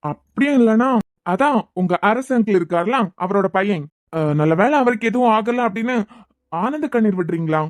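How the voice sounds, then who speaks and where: A woman's voice: medium pitch, animated, fairly quick, darkish tone, no room sound, close to an everyday voice. A woman voicing a cheeky, teasing young man in a cartoon series, with a Kanyakumari Tamil accent. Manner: teasing, sarcastic.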